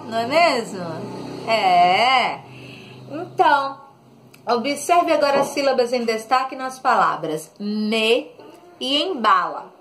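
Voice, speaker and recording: Slow, patient woman teacher. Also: fairly high pitch, a bit bright. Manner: patient, coaxing, full of diminutives; keeps saying look and okay to children. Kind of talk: recorded lesson for children.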